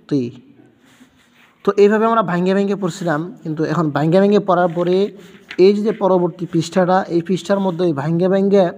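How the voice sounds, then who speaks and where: Man, patient reading teacher, spells out sounds slowly, fairly high voice, long reverb. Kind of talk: step-by-step reading lesson.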